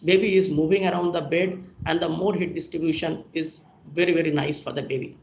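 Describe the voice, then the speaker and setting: A man's voice: on the high side, fairly even intonation, fairly quick, darkish tone. A man giving a technical presentation on a video call, explaining each point step by step and summing up, heard through a screen recording. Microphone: computer mic on a video call. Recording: echoey, dull video-call audio with faint hiss.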